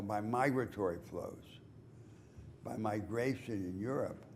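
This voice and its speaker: A man giving a university lecture in a lecture hall, explaining in a measured, deliberate way with emphatic rises. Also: mid-range voice, a little mellow, slight background noise.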